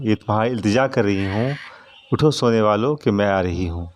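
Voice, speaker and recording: A male teacher explaining a children's poem. He recites each verse line, then slowly paraphrases it. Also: fairly low pitch, a little hiss or hum.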